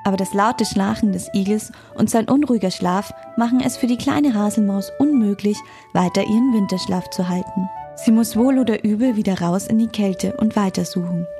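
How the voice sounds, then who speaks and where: A woman calmly narrating a children's audio story. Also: medium pitch, normal speed, hardly any pauses, faint music behind.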